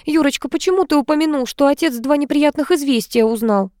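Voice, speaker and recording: A woman voicing an older mother, gentle and anxious, soft and pleading in manner. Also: sits high, a little fast, dry recording, studio quality, voice pushed up, natural voice. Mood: worried.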